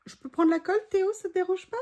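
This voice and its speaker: A woman's voice: very high voice, steady tone, fast talker, warm tone. A woman chatting casually while making a collage at home, playful and teasing with asides to her dog. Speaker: craft vlogger.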